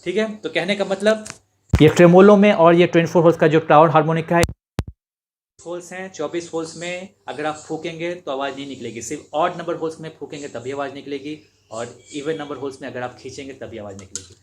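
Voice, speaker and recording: A man with a slightly higher voice gives a patient, step-by-step beginner harmonica lesson, repeating his points as he demonstrates. Faint ambient noise sits behind him. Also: fairly even intonation, fairly quick. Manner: patient, repetitive step-by-step explaining. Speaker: harmonica teacher. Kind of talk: instructional demonstration.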